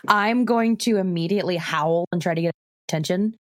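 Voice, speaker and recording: A woman's voice: lowish voice, brisk, no room sound, studio quality. A woman playing in a tabletop role-playing game, casually narrating what her character does.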